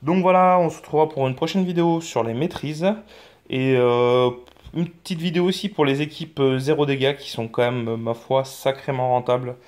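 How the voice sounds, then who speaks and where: A man's voice: mid-range voice, moderate pace, a little mellow. A man hosting a mobile game channel, talking through his game in casual commentary, rambling and hesitant, with many fillers, restarts and mild swearing. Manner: mild swearing, frank and offhand.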